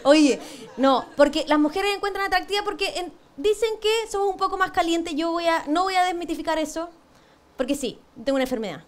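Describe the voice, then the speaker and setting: Mujer chilena, voz muy aguda, humor pícaro y grosero, monólogo cómico, estudio de TV con público, leve ruido de fondo. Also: female voice, extremely high pitch, a little fast, a little hiss or hum. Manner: cheeky, self-mocking, crude punchlines. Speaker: comedian on a TV panel show. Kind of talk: stand-up comic monologue. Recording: TV studio with audience laughter. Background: studio audience laughing.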